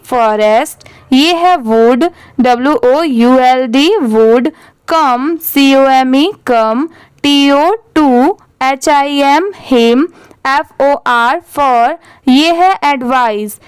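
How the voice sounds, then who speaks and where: Woman, young adult, reading teacher, spells words letter by letter, unhurried, high voice. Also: no room sound. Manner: spells words letter by letter, then asks and answers.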